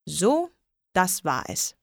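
A woman voicing a gentle grandmother telling bedtime stories, calm and soothing. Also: lowish voice, takes it slowly, gravelly, no room sound, studio quality, exaggerated voice.

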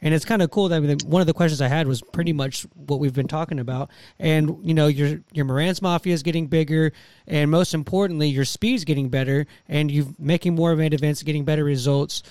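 A man's voice: on the high side, steady tone, brisk, a little mellow, no echo. A man asking questions as an interviewer in a casual conversational style.

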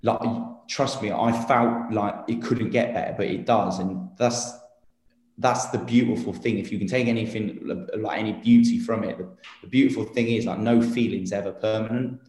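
A young man in his late twenties talks openly as an interview guest, rambling and earnest, circling back with fillers and restarts. His voice sits fairly low, and the room rings around him with noticeable echo. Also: fairly even intonation, normal speed, darkish tone. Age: 20s. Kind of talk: casual interview talk.

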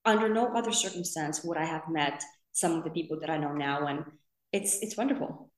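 A woman's voice: low voice, a little fast. A woman from Finland, co-founder of a podcast company, chatting in an interview with a rambling, filler-heavy manner. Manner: chatty, rambling, full of "you know" fillers. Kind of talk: casual interview talk. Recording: roomy echo.

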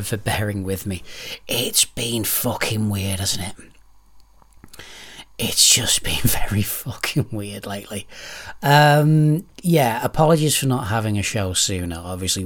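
Low-voiced, rambling man hosting a solo podcast. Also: no echo. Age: 30s. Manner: hesitant, rambling, self-deprecating, swears freely. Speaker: podcast host. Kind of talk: casual solo podcast chat. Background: clicking of discs being handled.

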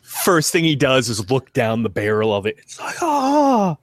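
A man's voice: fairly low pitch, animated, normal speed, noisy background. A man playing a tabletop role-playing game, casually improvising what his character says and does.

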